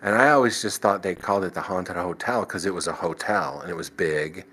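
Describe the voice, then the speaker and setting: A man's voice: sits low, a little fast, bright, forceful tone, slightly rough, rough recording. A man guest on a podcast, casually recounting his paranormal experiences in a rambling way, restarting sentences and chuckling now and then. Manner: rambling, frequent restarts and "you know".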